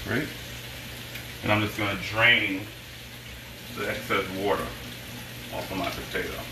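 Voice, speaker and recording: Deep-voiced man hosting a cooking show, echoey kitchen. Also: fairly even intonation, unhurried. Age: middle-aged. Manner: unscripted step-by-step commentary in short phrases with approving asides. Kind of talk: cooking show host demonstrating a recipe to viewers. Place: home kitchen, indoors. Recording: echoey kitchen, distant mic, sizzling pan noise. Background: frying sizzle and stirring.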